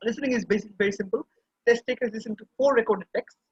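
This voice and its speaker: A man teaching an IELTS class, switching between Bengali and English and pausing often with fillers. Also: extremely high pitch, husky, dry recording. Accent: Bangladeshi. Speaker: IELTS instructor. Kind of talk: online class lecture. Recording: dull, lo-fi class recording.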